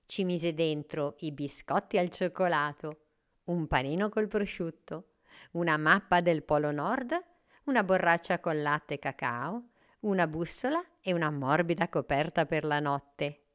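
A woman narrating a children's story gently and carefully. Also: low-pitched, a little slow.

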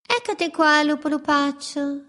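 A woman's voice: high-pitched, unhurried, fairly bright tone, voice pushed up. A woman voicing a pair of scruffy, teasing birds who speak in a rhyming, sing-song lilt in a storybook.

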